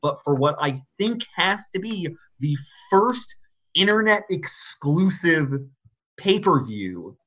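A man co-hosting a podcast in casual chat, animated, laughing often and swearing casually. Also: a little high, slow, highs cut off. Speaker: podcast co-host.

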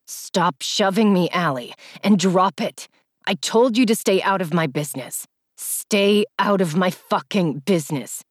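A woman voices a defensive teenage football star who snaps back in short, clipped lines. The lowered voice sits in a dry, close recording with no room sound. The tone stays tense and guarded. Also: a little slow, no room sound. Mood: angry.

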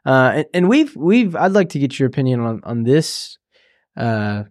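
A man co-hosts a church podcast in a relaxed, halting way, stopping on fillers and restarting his sentences. His voice sits at an ordinary middle pitch. The sound is dry and close. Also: no room sound. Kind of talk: casual conversation.

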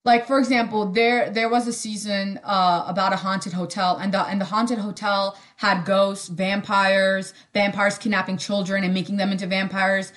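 A young woman hosting a solo podcast in casual chat, sarcastic and rambling, full of "like" and quick asides. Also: medium pitch, little pitch movement, fairly bright tone. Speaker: podcast host.

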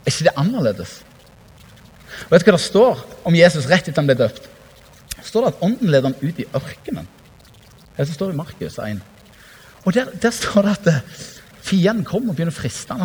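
Animated man preaching in a reverberant hall. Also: sits high, breathy edge. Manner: animated, conversational, laughs often, acts out quotes. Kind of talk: lively sermon.

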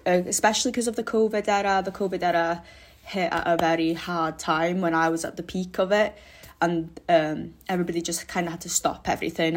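A young woman, hosting a casual solo podcast in a rambling, candid way, with frequent swearing and self-mocking humour. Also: on the low side. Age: young adult. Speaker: podcast host.

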